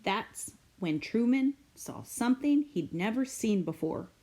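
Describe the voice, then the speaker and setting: A woman hosts a read-aloud of a children's storybook, her voice on the high side. She reads expressively and deliberately, using dramatic pauses and emphasis. The recording is roomy and echoey, picked up by a distant microphone.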